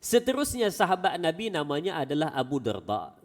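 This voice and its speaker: A male preacher giving a Friday mosque sermon as an animated storyteller with folksy asides. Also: on the high side, a little fast, long reverb tail. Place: small mosque prayer hall.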